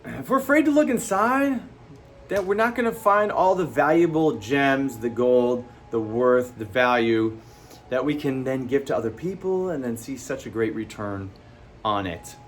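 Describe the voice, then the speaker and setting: A man hosting a motivational talk to camera, speaking animatedly and jumping up in pitch for emphasis, acting out quoted people. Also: lively intonation, moderate pace. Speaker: host.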